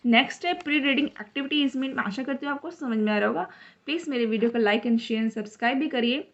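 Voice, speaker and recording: A woman with a high voice teaches an online exam-prep lesson, walking through each question step by step. She reads the English question text out slowly and then explains it. The recording sounds dull and lo-fi. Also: a bit bright. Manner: explains step by step, mixes English terms into Hindi.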